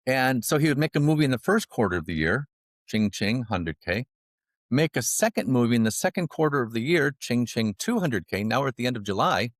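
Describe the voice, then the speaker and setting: Animated, joking man telling a story. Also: mid-range voice, a little fast, no echo, studio quality. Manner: animated, jokey storyteller who laughs at his own lines. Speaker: financial advisor guest. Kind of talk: storytelling podcast interview.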